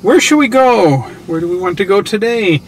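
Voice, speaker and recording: A man hosting his own channel, narrating casually while driving, excited and chatty with lots of fillers, recorded inside a moving car on a mounted camera. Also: high-pitched, normal speed. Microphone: camera on a suction mount. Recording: noisy car interior. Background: car road noise.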